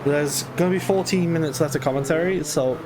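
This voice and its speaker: A man commentating a live race stream in a relaxed way, often trailing off into fillers. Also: on the high side, brisk. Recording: noisy background.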